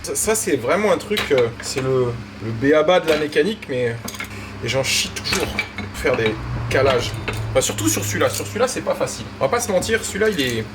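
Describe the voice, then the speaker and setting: Man, self-mocking mechanic, mutters and curses, mic off at a distance, clear background noise. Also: a little high, sing-song, a little fast. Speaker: mechanic vlogger. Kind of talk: talking to himself while working. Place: workshop. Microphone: camera mic from a distance.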